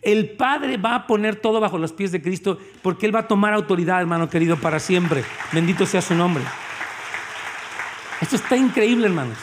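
A Mexican preacher with a high voice delivers a sermon. He talks with the congregation in a casual, animated way rather than reciting. He mixes in plain everyday speech. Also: a little fast, a crowd in the background, noisy background. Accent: Mexican Spanish. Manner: lively, conversational, addresses the congregation.

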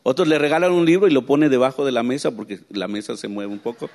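A man delivering a sermon at a middle pitch. He talks with lively swings, dropping into quiet low asides and then rising high with excited emphasis. He keeps checking in with his listeners through rhetorical questions. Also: fast talker. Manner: asks the congregation rhetorical questions. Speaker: preacher.

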